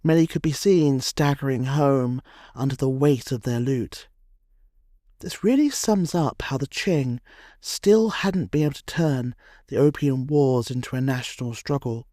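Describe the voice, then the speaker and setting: A man narrating a history documentary from a script, in a measured, dramatic storytelling cadence. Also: medium pitch, warm tone, no echo, clean studio sound.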